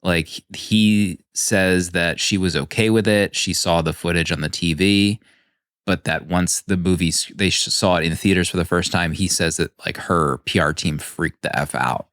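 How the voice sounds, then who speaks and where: Deep-voiced chatty podcast man. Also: fairly even intonation, normal speed, fairly bright tone, dry recording, studio quality. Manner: chatty, laughs often, self-interrupting. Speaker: podcast host. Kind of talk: casual movie podcast chat.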